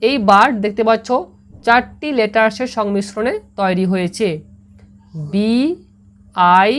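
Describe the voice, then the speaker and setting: Woman, Bengali accent, English teacher, patient, repeats words slowly, checks in with students. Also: fairly high pitch. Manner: patient, repeats words slowly, asks "ঠিক আছে?" often. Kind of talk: explaining lesson to students.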